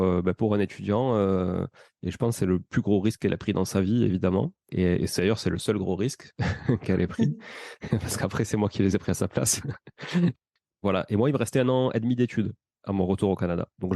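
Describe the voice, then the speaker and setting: A man in his thirties with a Toulouse accent, telling his life story as a podcast guest in a relaxed, rambling way with many fillers. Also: fairly low pitch, vocal fry, no room sound, clean studio sound. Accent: Toulouse French. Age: 30s. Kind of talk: casual conversational storytelling.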